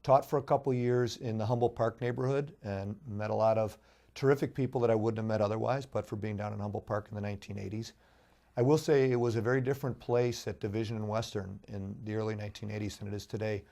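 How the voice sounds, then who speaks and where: A middle-aged man speaks with a hoarse, cold-roughened voice that sits warm and dark. He tells his background as a judicial candidate in an earnest, measured way, pausing on fillers as he goes. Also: fairly low pitch, steady tone. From Chicago, USA. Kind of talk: interview guest.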